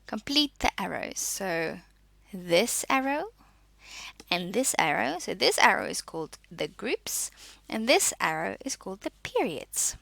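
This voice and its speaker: Her bright, mid-range voice carries lively, varied intonation and a slight creak as she delivers a school science lesson. She reads notes and explains exercises in an instructional manner, raising questions and answering them, in a close recording with no echo.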